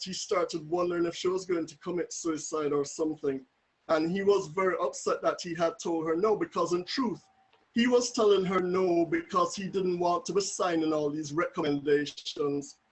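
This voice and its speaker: High-voiced Jamaican man telling a story. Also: breathy edge, low-quality recording. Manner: vivid anecdotal storytelling. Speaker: family member giving a tribute. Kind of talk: memorial storytelling. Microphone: video call.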